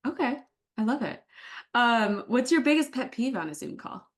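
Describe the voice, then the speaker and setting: A woman hosting a casual interview over a video call, upbeat and enthusiastic, quick to praise her guest's answers. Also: on the high side, animated. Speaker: host for the company team.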